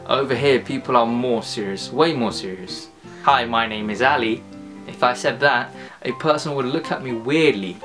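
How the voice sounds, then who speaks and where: A man's voice: mid-range voice, moderate pace, music in the background. An English man talking casually to the camera, chatty and opinionated with a self-mocking streak. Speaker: vlogger.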